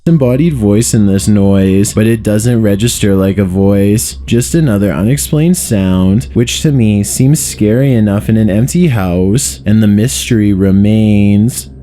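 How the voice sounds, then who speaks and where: A man with a very mellow, dark, lowish voice reads scripted countdown narration. He tells the stories in a measured way and drops eerie rhetorical questions. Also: slight background noise. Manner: measured storytelling with spooky questions. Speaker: narrator of a paranormal countdown video.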